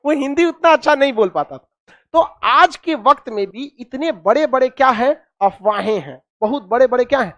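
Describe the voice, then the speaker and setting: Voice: sits high, expressive, normal speed, a bit bright. Chatty teacher. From Uttar Pradesh or Bihar. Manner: chatty, fires rhetorical questions at the class, joking asides. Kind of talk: classroom history lecture.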